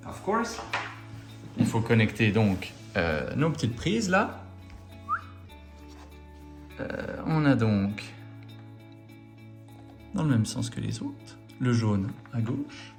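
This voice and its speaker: A man's voice: mid-range voice, big pitch swings, takes it slowly, pauses often, soft background music. A man with a French accent hosting a bilingual model-assembly tutorial, easygoing and joking at himself as he explains each step. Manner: easygoing, jokes at himself, repeats each step in two languages. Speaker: RC model hobby video host. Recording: echoey room.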